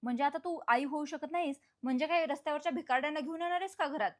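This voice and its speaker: A woman voicing a sharp-tongued woman of the house who scornfully scolds a child. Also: sits high, racing, lightly acted. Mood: scolding. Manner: harsh, scornful.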